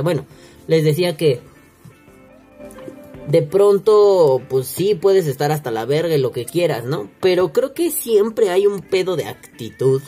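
A man's voice: a little high, dark tone. A man with a Mexican accent hosting a vaping podcast, talking in a crude, slangy, mocking rant and acting out the voices he quotes. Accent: Mexican Spanish. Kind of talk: profane casual rant. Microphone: single home recording setup.

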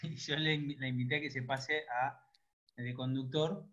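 Halting man on dull lo-fi call audio. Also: medium pitch, fairly even intonation, fairly bright tone. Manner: halting, searching for words. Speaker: coaching student. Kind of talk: informal recounting in an online class.

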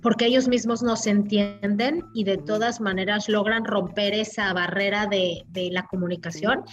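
A woman, co-hosting a casual film review chat, animated and full of restarts. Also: medium pitch, moderate pace, soft background music. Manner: animated, talks through restarts and fillers. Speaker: film podcast co-host.

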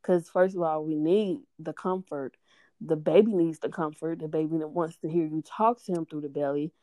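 A woman's voice: sits low, normal speed, dry recording. A woman in casual chat, telling stories with lots of cursing and laughter and acting out what people said. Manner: animated storyteller, cursing, laughing, acting out quotes.

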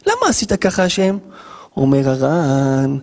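A man, a rabbi, giving an animated Torah lesson, acting out scenes and firing rhetorical questions at listeners. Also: medium pitch, long reverb tail.

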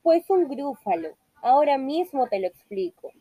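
A woman voicing a small, clever, boastful mouse who speaks slowly with a sly, playful manner. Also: sits high, big pitch swings, warm tone, dry recording.

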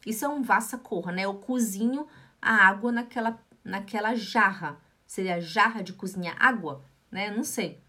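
A woman teaching German in a live online lesson, slowly repeating and drilling words. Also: medium pitch, bright, forceful tone. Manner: slow, repetitive drilling of words.

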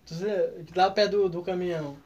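A man's voice: high-pitched, fairly even intonation, brisk, lo-fi sound, a crowd in the background. A young man, chatting casually with friends, rambling and joking with lots of fillers. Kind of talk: casual chat among friends.

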